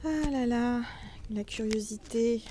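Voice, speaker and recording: Standing outdoors before a castle, a tarot reader chats her way through a casual reading, addressing her viewers directly as little stars. Her voice is a little high, slow and mellow, with slight background noise.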